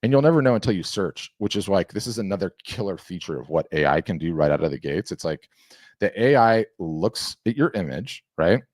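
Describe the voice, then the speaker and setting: Man, very deep voice, dry close sound, rambling enthusiastic software demo. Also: animated, brisk, no echo. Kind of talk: casual screen-share demo.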